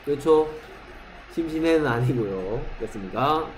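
A man teaching an English lesson in a classroom, checking often whether students follow and reading example sentences out slowly. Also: mid-range voice, lively intonation, slight background noise, poor audio. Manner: keeps checking understanding with short questions.

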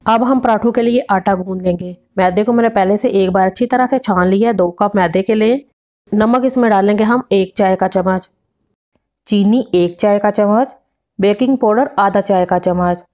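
Woman, cooking-channel host voicing over a recipe, methodical step-by-step delivery. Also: mid-range voice. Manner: steady step-by-step instructions with measured quantities.

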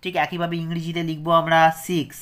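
A man teaching young children to read, with a West Bengal accent, spelling words out slowly syllable by syllable. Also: a little high, flat delivery, fairly bright tone, clear, resonant tone. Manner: slow syllable-by-syllable spelling aloud. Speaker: primary school teacher. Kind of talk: reading lesson for young children.

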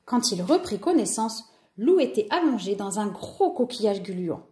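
A woman narrating a children's story in a lively, expressive way. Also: medium pitch, normal speed.

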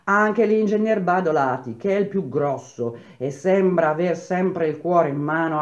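A man's voice: sits high, darkish tone, echoey room, lo-fi sound. A man voicing a firm organizer who calls a workers' meeting to order. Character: male union organizer, calm but firm.

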